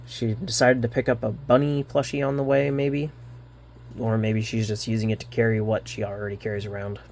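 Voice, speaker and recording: A man rambling through a card unboxing, halting often with fillers and restarts, a little winded. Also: mid-range voice, level tone, darkish tone, slight background noise. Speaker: card unboxing channel host. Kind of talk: casual unboxing commentary.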